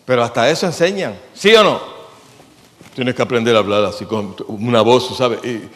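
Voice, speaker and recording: A man's voice: mid-range voice, moderate pace, a bit bright. Man preaching in a reverberant hall. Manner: plain-spoken, asks the congregation questions, jokes. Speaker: pastor. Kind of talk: conversational sermon.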